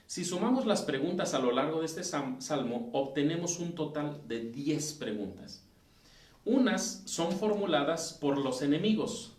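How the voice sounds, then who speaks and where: Mexican deacon teaching in a roomy church. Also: male voice, on the high side. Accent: Mexican Spanish. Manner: reads scripture aloud and explains, with pauses and self-corrections. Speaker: deacon teaching a Bible lesson. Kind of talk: Bible study lesson. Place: church room. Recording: roomy, distant mic with faint noise.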